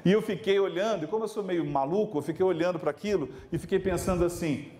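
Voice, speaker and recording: A middle-aged man lecturing teachers at an event, animated and acting out little scenes with his students. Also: high-pitched, quick pace. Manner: animated, acts out dialogue with students. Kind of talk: lively talk to a live audience. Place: event hall.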